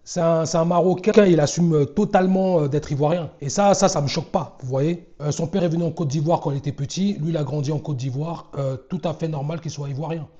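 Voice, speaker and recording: Mellow-voiced man reacting casually. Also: a little high, fast talker, hardly any pauses, dull audio. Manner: conversational, many fillers and restarts. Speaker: commentator reacting to clips.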